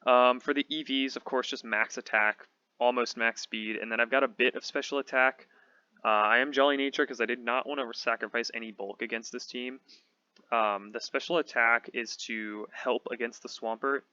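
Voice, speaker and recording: A man with a slightly hoarse voice, casually thinking aloud as he talks through a game team build. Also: mid-range voice, steady tone, moderate pace, sharp tone, no room sound, lo-fi sound. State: slightly hoarse, losing his voice. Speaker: competitive Pokemon channel host.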